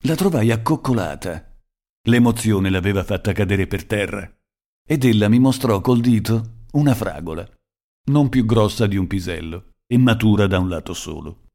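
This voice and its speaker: A man narrating a short story in a measured, expressive reading. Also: on the low side.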